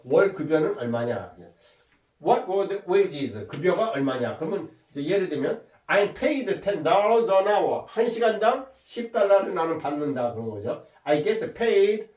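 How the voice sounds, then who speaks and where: A middle-aged man teaches English in a slow, lively voice that rises and falls a lot. He repeats each word and draws his example sentences out patiently. The room rings, and he sits back from the mic. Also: a little high. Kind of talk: online English lesson. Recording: roomy echo, mic at a distance.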